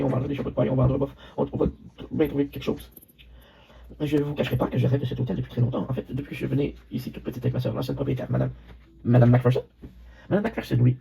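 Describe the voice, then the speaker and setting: A man races through several characters at once, each line rushed along. His voice is heavily gravelly, dark and raspy throughout. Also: medium pitch. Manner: rapid, rough-voiced, switching between roles. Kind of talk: dubbing several characters alone.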